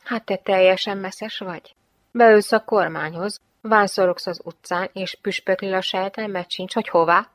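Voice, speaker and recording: A woman's voice: medium pitch, fairly even intonation, no echo, lightly acted. A woman voicing a cheeky, self-assured young woman who teases and mocks. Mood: teasing. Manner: teasing, mocking.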